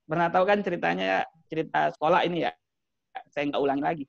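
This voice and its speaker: A man's voice: a little high, fast talker, vocal fry. A man preaching a light-hearted religious talk, joking with his audience between points. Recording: dry, slightly dull sound.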